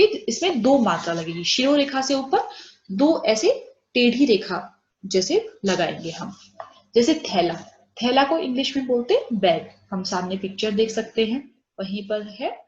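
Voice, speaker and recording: A woman teaching a Hindi lesson, saying example words slowly and giving their English meanings. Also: on the high side, darkish tone. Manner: explains Hindi words with English glosses, slow drawn-out examples. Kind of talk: online class lesson. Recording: echoey room, dull lo-fi audio.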